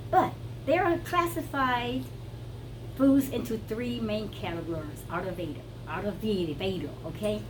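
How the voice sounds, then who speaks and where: Speaking in a mid-range voice at a measured pace, a Brazilian-accented woman teaches her viewers casually but emphatically, repeating words to stress them. She's a wellness vlogger, and the audio carries noticeable background noise.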